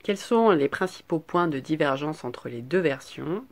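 Measured fairy tale reader. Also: mid-range voice, expressive. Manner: measured reading, casual asides with fillers. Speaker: storyteller and channel host. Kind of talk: reading a fairy tale with explanatory asides.

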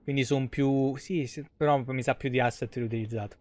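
A Roman-accented man in his thirties streams a game from his home setup, thinking aloud in salty, colloquial commentary as host. His mid-range voice is a little mellow, with fairly even intonation and a normal pace.

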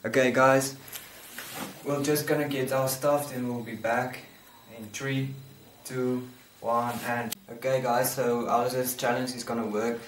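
Teenage male, casual vlog host, middle pitch, faint background noise. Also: little pitch movement, a little slow. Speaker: challenge video host. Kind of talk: casual chat to camera. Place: indoor room with bare walls. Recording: roomy, distant mic, faint noise.

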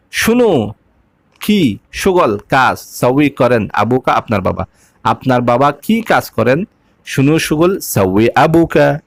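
Man, language teacher, repeats phrases slowly, breaks words down, mid pitch, dry close sound. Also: creaky, no room sound. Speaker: Arabic teacher. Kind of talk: language lesson.

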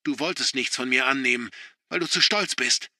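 A man reading an audiobook, voicing a hurt young man who defends himself against his father and shouts back. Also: mid-range voice, normal speed, no echo, studio quality. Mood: defiant arguing.

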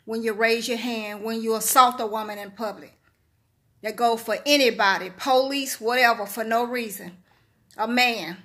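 A middle-aged woman talks straight to her viewers in a bright, piercing voice. She preaches and repeats her points over and over. Her pitch sits high and sharp. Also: fairly even intonation, normal speed. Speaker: vlogger. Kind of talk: casual monologue to camera.

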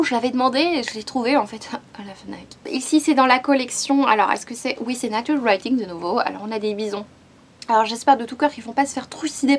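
A woman chats about her latest book purchases in a relaxed vlog. Her voice sits a little high, and she hesitates often, scattering fillers through each sentence. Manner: chatty and hesitant, with frequent fillers. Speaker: book vlogger. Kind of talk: casual book haul chat.

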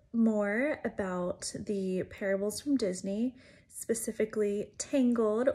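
A woman's voice: mid-range voice, a little mellow. Chatty woman giving a devotional. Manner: chatty and conversational, with frequent fillers. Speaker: educator giving a church devotional. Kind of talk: informal devotional talk.

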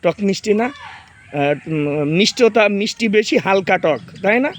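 A man in his thirties from Bangladesh, a farming vlogger, gives a casual outdoor demo of fruit in his garden while directing his kids. His voice is high-pitched and animated at a measured pace, with slight background noise.

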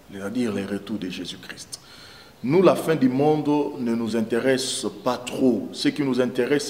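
A man's voice: medium pitch, darkish tone, a little hiss or hum. A middle-aged man, giving a pastoral exhortation as a preacher. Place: indoor room, speaking to camera.

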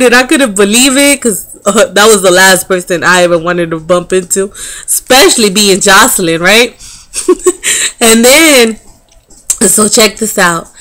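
A woman in her thirties telling a story to camera in a casual vlog, animated and profane, with sassy, dismissive asides and frequent laughter. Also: medium pitch. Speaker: vlogger.

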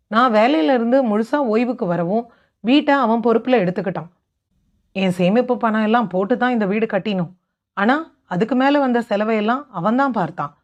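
A woman voicing a kind, patient older father-in-law who explains things gently and at length. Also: medium pitch, lo-fi sound, natural voice.

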